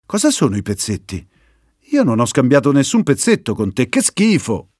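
A man's voice: mid-range voice, wildly swooping pitch, moderate pace, darkish tone, no echo, clean studio sound. A man voicing a proud young female viper, an artist who talks in a fussy, exasperated way. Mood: mocking.

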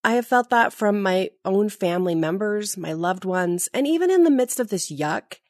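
Speaking at a mid-range pitch and normal speed, a woman in her forties guests on a podcast, sharing stories casually with an animated, self-deprecating flair. She laughs at herself often, and the studio-quality audio has no echo.

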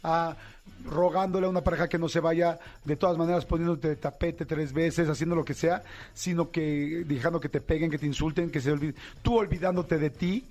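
Podcast host, man, rapid-fire chatty delivery, fairly high voice. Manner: fast, animated, self-correcting. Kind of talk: casual interview chat.

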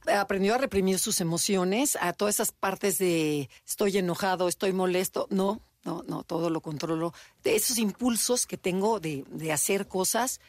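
A woman's voice: medium pitch, normal speed, dry recording, clean studio sound. A woman co-hosting a podcast in casual chat, often acting out children and parents in little quoted voices. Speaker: podcast co-host.

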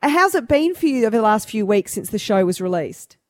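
A woman's voice: on the high side, big pitch swings, fairly quick, no echo, studio quality. A woman hosting a casual entertainment interview, chatting as she introduces topics and asks questions. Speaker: show host interviewer.

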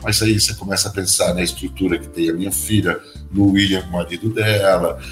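A man's voice: deep voice, steady tone, brisk, reverberant, soft background music. An older Brazilian actor telling personal stories as a podcast guest, acting out the people he quotes. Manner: warm storytelling, acts out quoted voices. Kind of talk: casual interview chat.

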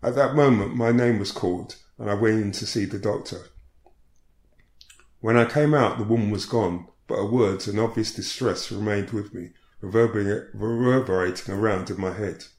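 Measured man with a lower voice. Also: steady tone, darkish tone. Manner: measured, reflective. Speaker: podcast host. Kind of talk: scripted personal narration. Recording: echoey room.

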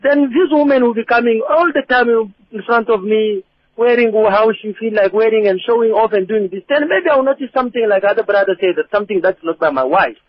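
Congolese guy calling a radio show, highish voice, insistent, kinda muffled lo-fi line. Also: brisk, dry recording. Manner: insistent, explanatory, checks he is understood. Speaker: radio phone-in caller. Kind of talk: emphatic opinion on a call-in show. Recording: dull lo-fi phone call on radio.

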